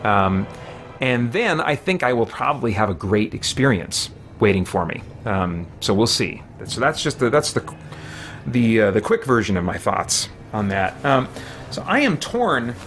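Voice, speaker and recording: A middle-aged man livestreams video games from a small room at home, chatting casually and thinking aloud without a script. His medium-pitched voice is very animated and a bit bright, with a measured pace and a little hiss or hum in the background.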